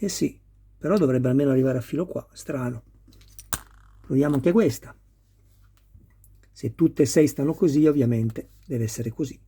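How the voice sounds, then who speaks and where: A man's voice: mid-range voice, normal speed, long pauses, dark tone, husky. A man talking viewers through assembling a scale model car step by step, patient and careful with each detail. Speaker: model kit builder. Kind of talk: hands-on assembly tutorial.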